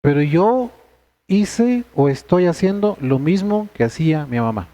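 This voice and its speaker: A man's voice: a little high, lively intonation, a little slow, dark tone, dry recording. A man leading a church men's study session, talking earnestly and conversationally to the group.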